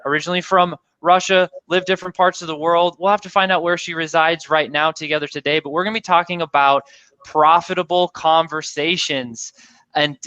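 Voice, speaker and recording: A man's voice: on the high side, bright, forceful tone, no room sound, lo-fi sound. A man hosting a casual video interview, enthusiastic and rambling with lots of fillers. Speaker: interview host.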